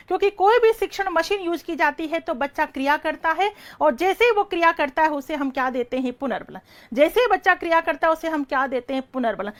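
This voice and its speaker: A woman teaching an online exam-prep lecture, firing quick questions, repeating each answer and calling her students "beta". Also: sits high.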